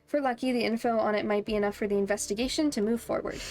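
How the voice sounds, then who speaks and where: A woman's voice: on the high side, steady tone, rapid-fire, darkish tone, soft background music. A woman streaming a game, reading its text aloud and breaking into bubbly, giggly, playful asides.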